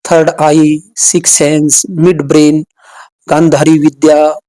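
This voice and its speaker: A man who teaches a meditation and yoga course, answering interview questions in a calm, measured, lecturing way. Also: on the high side, no room sound.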